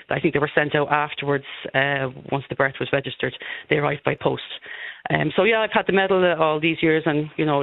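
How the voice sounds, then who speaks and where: A woman in her fifties with an Irish accent, casually recalling personal memories as an interview guest and often repeating phrases. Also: deep voice. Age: 50s. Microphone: phone. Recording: thin, roomy phone-line sound.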